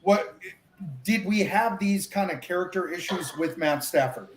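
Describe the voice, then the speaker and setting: A man's voice: high-pitched, a little slow, a crowd in the background. A man in a casual sports debate, argumentative and often stumbling over his words. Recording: echoey room, faint background hum.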